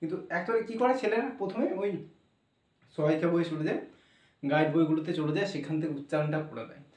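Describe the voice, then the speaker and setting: A man with a high voice teaches English spelling, spelling each word out letter by letter and repeating himself to drive the point home. He is set back from the microphone in a roomy, echoing space. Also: darkish tone. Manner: explains step by step, spells words out letter by letter; repeats phrases, pauses to check spellings. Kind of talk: spelling and pronunciation lesson. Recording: roomy echo, mic some distance away.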